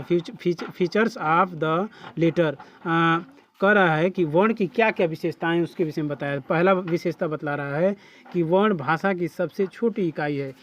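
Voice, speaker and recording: A man's voice: high-pitched, fairly bright tone, lo-fi sound. A man with a Bhojpuri accent teaching a class, who keeps asking questions back to his students. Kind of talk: classroom lesson.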